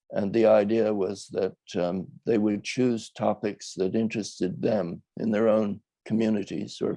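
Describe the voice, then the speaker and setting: An older man, a documentary filmmaker, talks reflectively in an interview, choosing his words in a thoughtful, measured and hesitant way. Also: lowish voice, creaky, dark tone, no room sound, low-quality recording.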